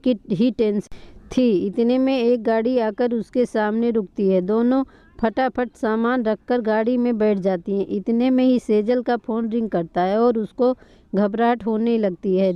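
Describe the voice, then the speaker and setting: Woman narrating a family story, clear voice. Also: a little high, no room sound. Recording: dull lo-fi recording.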